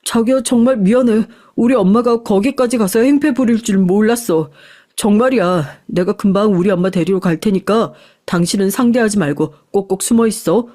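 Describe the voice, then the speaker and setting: A woman's voice: mid-range voice, normal speed, mellow, close to an everyday voice. Woman reading earnest young boyfriend, urgent, plain voice, storytelling. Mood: apologetic. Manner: pleading then firm. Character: apologetic young man, the boyfriend.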